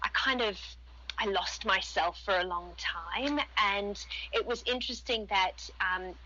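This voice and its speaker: A woman from Zimbabwe speaking as a radio guest, hesitant and pausing as she searches for words. Her voice is bright and forceful at a middle pitch, heard through a muffled, lo-fi recording. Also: slight background noise. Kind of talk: casual radio interview.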